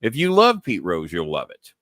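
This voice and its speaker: A man's voice: low-pitched, huge pitch swings, moderate pace, a bit bright, dry recording, studio quality. A middle-aged American man hosting a live-stream show, rambling bluntly and cursing freely in a casual monologue. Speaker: podcast host.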